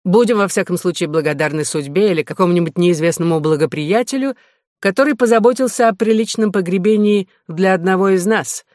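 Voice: medium pitch, lively intonation, moderate pace, dry recording, studio quality, close to an everyday voice. A reader voicing an affected, pompous English knight who talks in florid, mannered phrases. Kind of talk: audiobook reading.

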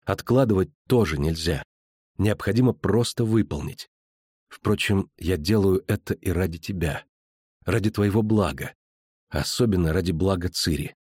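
A commanding sorceress speaking softly and firmly, read by a man in his own low register. Dry and close to the mic. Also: normal speed, slightly rough, no echo. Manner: soft, firm. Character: commanding sorceress, soft but firm.

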